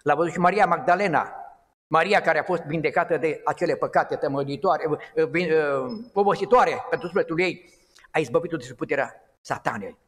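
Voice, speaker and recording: A middle-aged man giving an informal, rambling sermon in a small church, with halting restarts. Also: a little high, fairly bright tone. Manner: conversational and digressive, with halting restarts. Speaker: lay preacher. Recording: long hall reverb.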